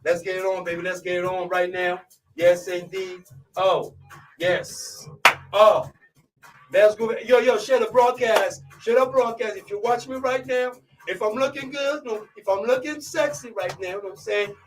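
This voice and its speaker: A male radio host from Côte d'Ivoire with a high voice, pumping up his listeners and leaning on the same filler phrase again and again. He sounds a little off-mic, with music playing underneath. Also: fairly even intonation, normal speed, far from the mic, low-quality recording. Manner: hypes listeners with constant "you know what I'm saying" fillers. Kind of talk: live radio show intro.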